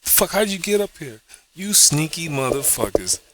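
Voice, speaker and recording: A man's voice: a little high, big pitch swings, normal speed, fairly bright tone, voice pushed up. A man putting on a cursing, irritated God. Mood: exasperated. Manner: profane, exasperated scolding. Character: irritated male God scolding trespassers.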